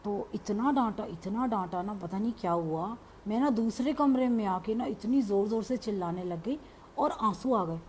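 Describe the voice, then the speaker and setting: A middle-aged woman shares a personal spiritual testimony in animated storytelling, slipping English phrases into her talk. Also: medium pitch, normal speed, a little hiss or hum. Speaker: devotee sharing a testimony.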